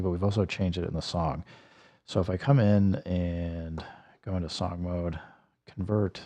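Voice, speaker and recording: A music producer with a deep, dark voice runs a casual livestream walkthrough, building a track while thinking aloud and correcting himself. He is slightly losing his voice, which sounds a little worn, and music plays behind.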